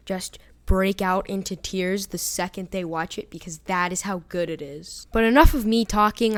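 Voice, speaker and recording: A woman giving casual reaction commentary as a video host, sarcastic and mock-serious. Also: lowish voice. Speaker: YouTube commentator.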